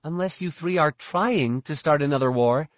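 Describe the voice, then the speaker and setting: For an audiobook narration, a male performer voices a steady young Jedi woman, pitching himself fairly high, above his natural range, yet keeping it close to an everyday voice. He speaks at a normal speed, and the studio recording is clean with no room sound.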